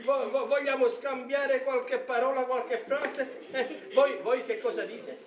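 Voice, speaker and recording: A man's voice: very high voice, fairly even intonation, slow, full character voice. A man playing a flustered, fawning matchmaker in a stage comedy, stammering and insistently repeating his phrases. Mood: flustered encouraging. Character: flustered, coaxing middle-aged matchmaker, fawningly polite. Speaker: stage actor. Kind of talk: live Italian stage comedy acting. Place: indoor theatre stage with audience. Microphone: far camera. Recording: roomy theatre stage, distant microphone, audience noise.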